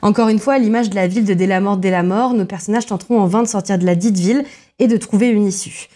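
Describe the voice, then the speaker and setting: Woman podcaster, mellow mid-pitched voice, hesitant chatty critic. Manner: many filler pauses, restarts, self-deprecating asides. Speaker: film podcast co-host. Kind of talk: casual film analysis chat.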